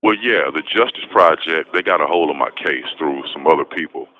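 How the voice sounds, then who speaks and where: Over a muffled, noisy telephone line from prison, an American man from west Texas casually recounts his personal story as an interview guest. He talks fairly quickly in a rumbling low voice.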